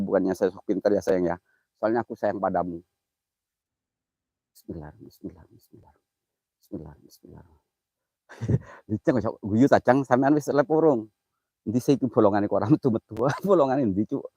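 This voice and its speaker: A man's voice: medium pitch, a little mellow, no echo, muffled recording. A man hosting a night-time live stream, joking, laughing often and reading out viewer comments. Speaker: live-streaming mystery host. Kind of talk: live stream chat while exploring at night.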